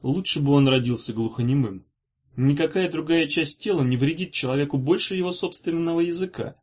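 A man narrating an audiobook in an expressive, animated reading style. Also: fairly high pitch, fairly quick, slightly rough. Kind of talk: scripted narration. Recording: dull lo-fi recording.

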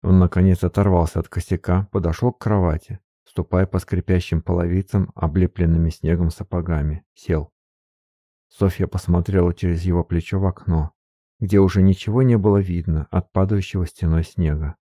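A man narrating an audiobook in measured storytelling. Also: low voice, steady tone, mellow, no room sound, clean studio sound. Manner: measured storytelling, also reading the characters' lines. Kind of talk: scripted narration.

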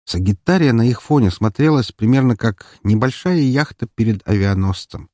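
A man reading a sci-fi audiobook as a first-person narration, in a steady, measured way. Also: mid-range voice, no room sound, studio quality.

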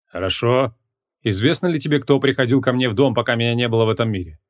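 A man's voice: medium pitch, fast, lightly acted. Commanding archmage guy from an audiobook, man reading, short-tempered, clipped questions. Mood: stern. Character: stern, imperious male archmage, short-tempered.

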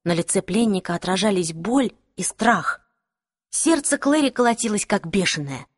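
A woman narrating a fantasy novel as an audiobook, in an even, clear storytelling manner. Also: mid-range voice, normal speed, no room sound, clean studio sound. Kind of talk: scripted narration.

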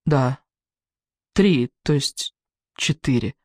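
A woman reading an audiobook, voicing a remorseful elderly woman who speaks softly and haltingly. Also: a bass voice, expressive, no echo, studio quality, exaggerated voice. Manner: soft-spoken, halting. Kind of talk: audiobook character voice.

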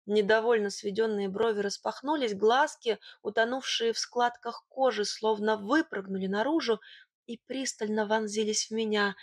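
A woman narrating a first-person storybook in a lively, expressive way. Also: medium pitch, normal speed, husky, dry recording, studio quality. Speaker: audiobook narrator.

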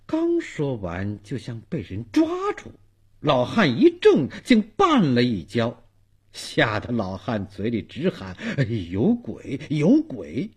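A man's voice: mid-range voice, huge pitch swings, takes it slowly, breathy edge. A man narrating a folk tale in traditional storytelling style, with a dramatic, swooping delivery.

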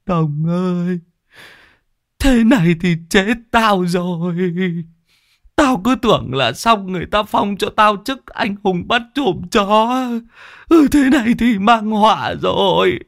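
A man's voice: high-pitched, a little slow, fairly bright tone, no room sound, studio quality, pitched above the performer's own voice. A man voicing a cowardly, dim-witted old man who stammers and whimpers in fright in a ghost story. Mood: terrified wailing.

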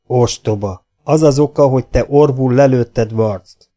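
A man voicing a calm, fearless outlaw leader with a musical baritone, who speaks quietly and with cold self-assurance. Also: lightly acted. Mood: commanding.

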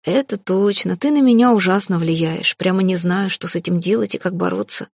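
Woman reading a deadpan young man, sleepy, dry delivery, gravelly low tone. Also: brisk, no echo. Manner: deadpan, melancholy.

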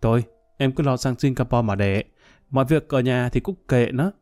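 A man voicing a sly, scheming middle-aged man who brushes off worries in a smooth, dismissive way, in a storybook reading. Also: medium pitch, moderate pace, a little mellow, faint music behind, lightly acted. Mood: smug.

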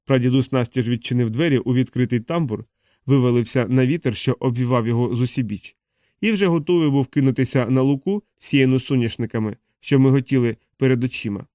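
A man reads an audiobook in an expressive storytelling manner, his pitch at an ordinary middle range. The sound is close and dry with no room around it. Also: a little fast, no echo. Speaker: audiobook narrator. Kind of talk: scripted narration.

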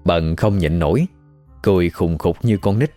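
A man narrating a ghost story in an expressive storytelling manner. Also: low voice, moderate pace. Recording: faint background music.

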